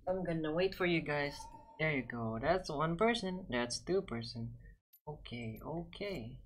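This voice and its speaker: Male game streamer, unhurried, chatty, reassuring, repeats himself. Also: on the high side, lively intonation. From Indonesia. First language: Indonesian. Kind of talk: casual gaming live stream chat.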